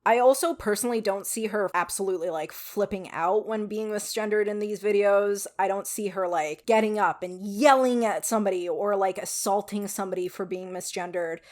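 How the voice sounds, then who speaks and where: A woman's voice: medium pitch, fairly quick, hardly any pauses, a little mellow. Woman commentator with a weak voice. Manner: frank, casual, swearing. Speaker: video commentator. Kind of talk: casual opinion commentary to viewers.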